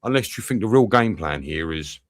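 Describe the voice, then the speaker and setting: A young man with a low voice, reacting live to a football match and chatting with viewers as he goes. His pitch swings a lot as he talks, and he swears constantly in a loose, bantering way. The sound is dry and close. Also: lively intonation, normal speed, dry recording. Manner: swears often, banters with chat. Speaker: watch-along streamer. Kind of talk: live match watch-along commentary.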